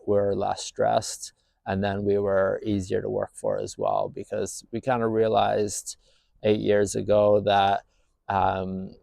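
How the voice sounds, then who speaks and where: A gravelly, mellow male voice of fairly low pitch, captured in a dry recording. He's in his thirties, from Northern Ireland, and talks casually to camera about being a business owner, plain-spoken with many fillers.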